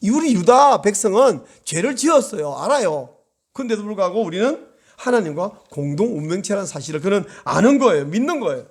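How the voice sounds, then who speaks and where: A man's voice: high-pitched, fairly quick. A man preaching as a church pastor, acting out the voices of the people in his stories. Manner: animated, acts out voices of children and psalmist in dialogue. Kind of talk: sermon.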